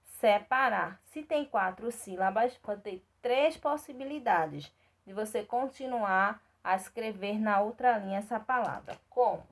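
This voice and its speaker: In a recorded remote lesson for young children, a woman with a mid-range voice and a Brazilian Portuguese accent works as their primary school teacher. She patiently spells out syllables slowly and clearly, repeating things and asking "tá certo?" to check they're keeping up.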